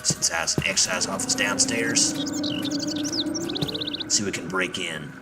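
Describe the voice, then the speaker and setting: A video game streamer, a man with a low-pitched, unhurried voice, gives casual, rambling gameplay commentary that's jokey and profane. Game music plays in the background.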